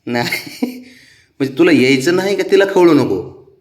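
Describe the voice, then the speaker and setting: A man talking to his pet cat in coaxing baby talk, soothing and pleading, with his voice swooping up high on questions. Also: animated, normal speed.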